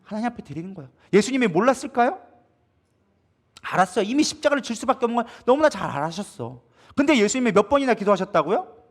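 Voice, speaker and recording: A man's voice: high voice, fast talker. A male pastor preaching at a prayer meeting, asking the congregation questions and acting out dialogue as he goes. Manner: animated, asks the congregation questions and acts out dialogue. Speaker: co-lead pastor.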